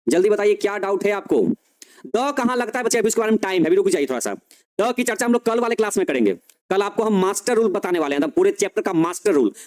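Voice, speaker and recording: A young man with a high voice teaches a live online grammar class, walking through each rule step by step. He keeps asking his students questions and answering them himself. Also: darkish tone. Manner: explains step by step, asks students rhetorical questions.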